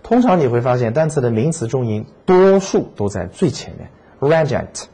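A man's voice: medium pitch, big pitch swings, normal speed, mellow, husky. A man teaching exam vocabulary in a lecture. He speaks emphatically, repeats key words and asks rhetorical questions.

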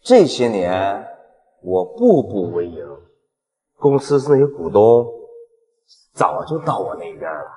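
A smug corporate villain in a short drama. His low voice swings widely as he gloats with mocking movie-villain menace. It rings in a long hall-like reverb. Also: sing-song, slow pace, long pauses, dark tone. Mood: gloating. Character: smug scheming male corporate villain plotting a takeover. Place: large indoor concrete space, garage-like.

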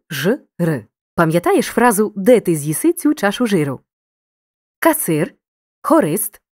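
Lively low-voiced woman teaching. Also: no echo, clean studio sound. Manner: addresses the listener directly, clear dictation of examples. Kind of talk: scripted lesson narration.

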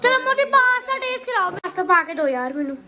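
A young schoolgirl with an extremely high female voice chats casually with family. Other voices are clearly heard around her in a busy household. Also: sing-song, fast talker, crowd noise.

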